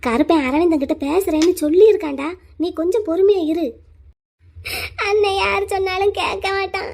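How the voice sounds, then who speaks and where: A woman's voice: extremely high pitch, steady tone, brisk, creaky, a little mellow. A woman voicing an older village mother in a cartoon, coaxing and scolding her grown daughter.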